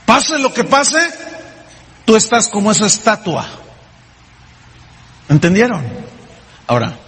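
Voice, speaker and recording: A man's voice: sits high, big pitch swings, slow, a bit bright, big-room sound. A male pastor delivering a sermon, preaching emphatically and firing rhetorical questions at the congregation.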